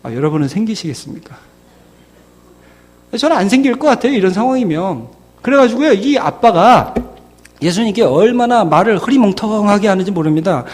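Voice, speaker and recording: A man's voice: sits high, very animated, brisk, a little mellow. A male pastor preaching a conversational sermon, acting out scenes and dropping to near-whispers for emphasis. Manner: conversational, acts out biblical scenes in voices.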